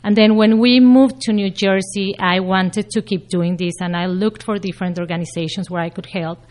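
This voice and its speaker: A woman's voice: mid-range voice, fairly even intonation, normal speed, darkish tone. A woman, answering interview questions earnestly as a studio guest. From Mexico. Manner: earnest, fluent with some hesitations. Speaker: guest, nonprofit founder. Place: radio studio.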